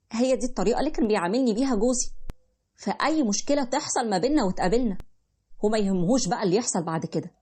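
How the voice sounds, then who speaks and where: A woman's voice: on the high side, darkish tone. A young woman in her twenties with an Egyptian accent, narrating a first-person story in an emotive, plaintive way. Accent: Egyptian Arabic. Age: 20s.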